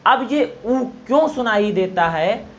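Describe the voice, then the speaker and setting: A man's voice: high-pitched, lively intonation, takes it slowly, highs cut off. A man teaching pronunciation for exams, patiently explaining and repeating sounds aloud to demonstrate them. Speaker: Hindi exam teacher. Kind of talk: classroom-style explanation.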